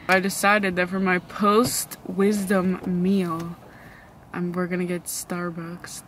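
A woman's voice: mid-range voice, slight background noise. A woman in her twenties chatting casually to camera in a blunt, slangy, swear-laden way. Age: 20s. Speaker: vlogger. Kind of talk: casual vlog chat. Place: parked car and a room at home.

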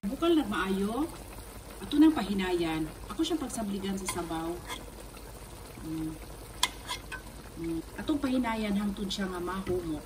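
A Filipino woman in her fifties with a Cebuano accent, casually talking through a home recipe in her kitchen, explaining each step in a relaxed, chatty way. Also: mid-range voice, unhurried, long pauses, noisy background. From Philippines. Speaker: home cook. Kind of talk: casual cooking vlog narration. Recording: distant camera mic, music underneath.

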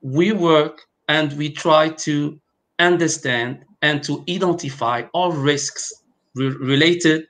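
A man from Algeria who first spoke Arabic and French appears as a guest pharmacovigilance specialist in an online interview, speaking by video call from a home room. His voice is a little high with a fairly bright tone, and he speaks haltingly, with many fillers and restarts.

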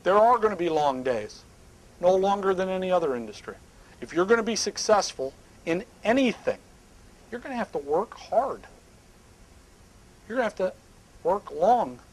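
A middle-aged man speaking at a live seminar on a small indoor stage, emphatic and animated, sometimes dropping to hushed asides. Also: high voice, moderate pace, pauses often, low-quality recording.

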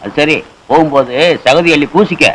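An actor playing a gruff hired thief who barks threats, from an old comedy film. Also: male voice, a little high, normal speed, natural voice, rough recording. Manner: threatening, barking. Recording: old film soundtrack, loud noise.

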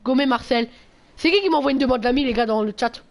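A man's voice: very high voice, quick pace. Slangy, foul-mouthed streamer guy. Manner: slangy, swears a lot, bursts into loud yelps. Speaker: game streamer. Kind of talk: casual gameplay livestream chat.

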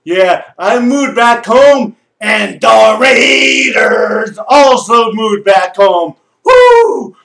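A raspy, middle-aged man with a strikingly high voice hollers like a die-hard fan at a game. He takes his time and stretches his words out. The sound is roomy and echoey, with guitar playing behind him. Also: drawn-out words, few pauses. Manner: loud, brash, hollering. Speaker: sports fan vlogger. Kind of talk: rowdy fan video with shouting and singing. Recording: echoey room with guitar music.

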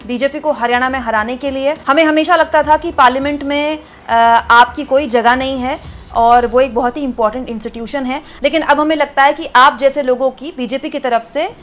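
A woman's voice: high voice, brisk, fairly bright tone. A woman commentating on political news, reading out viewer comments and chatting to her audience as friends, with frequent hesitations.

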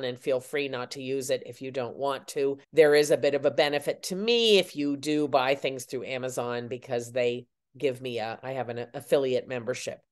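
An older woman, owner of the site, walking viewers through its menus in an unhurried, explanatory way, her phrases trailing off at the ends. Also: deep voice. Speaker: site owner giving a tour. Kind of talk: screen-recorded website walkthrough.

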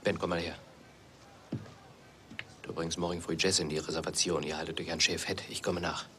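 A deep-voiced, bright-toned western lead, calm and firm. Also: male voice, a little fast, a little hiss or hum. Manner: calm, firm, giving orders. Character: grown half-Native man, steady and commanding. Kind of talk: film dub acting.

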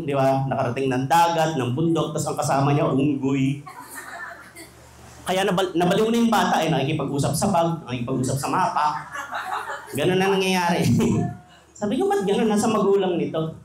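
A man's voice: on the high side, lively intonation, moderate pace. Filipino man joking with a hall crowd. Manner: jokey, asks the crowd questions. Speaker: speaker at a youth conference. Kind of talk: conference talk in front of an audience. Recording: echoey hall, faint noise.

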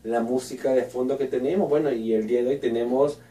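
A man's voice: medium pitch, fairly even intonation, a little fast, warm tone, far from the mic. A man hosting an interview in a small radio studio, hesitant at times. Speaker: radio host. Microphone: boom mic at a desk, headphones on. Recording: echoey room, voice picked up from afar.

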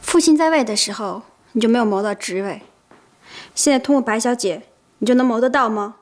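An actress playing a resentful young wife and mother, speaking quietly and reproachfully in a period TV drama. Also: on the high side, a little fast, lightly acted. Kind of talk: TV drama dialogue. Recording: drama soundtrack with background music.

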